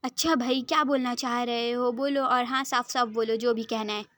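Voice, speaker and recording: A woman's voice: fairly high pitch, fairly even intonation, normal speed, fairly bright tone, dry recording, close to an everyday voice. A woman voicing a doting, forgiving middle-aged mother who speaks in a soothing, reassuring way, in a dry recording. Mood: soothing, teasing.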